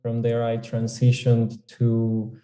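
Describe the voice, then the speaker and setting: Mellow-voiced man from Argentina. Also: medium pitch, slow pace, faint music behind. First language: Spanish. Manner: relaxed, thoughtful, with fillers and some restarts. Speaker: guest, yoga teacher. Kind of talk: casual interview. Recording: echoey room.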